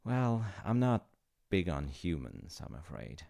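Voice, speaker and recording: In a comic audio roleplay aimed at the listener, a man plays a flustered, chatty demigod of reincarnation. His lowish, gravelly voice has vocal fry and swings animatedly up and down in a warm, sing-song full character voice. He speaks unhurriedly and haltingly, stammering through sheepish apologies and awkward, salesman-like coaxing.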